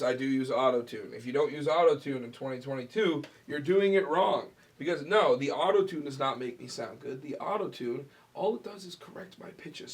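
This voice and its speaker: A man with a nasal voice, explaining step by step in casual talk how he records and edits his own song. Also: mid-range voice. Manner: relaxed, explaining each step with fillers.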